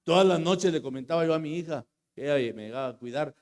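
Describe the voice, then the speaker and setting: Impassioned pastor preaching. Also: male voice, fairly high pitch, fast talker. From Guatemala. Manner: swings from hushed storytelling to loud shouted praise. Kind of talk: sermon.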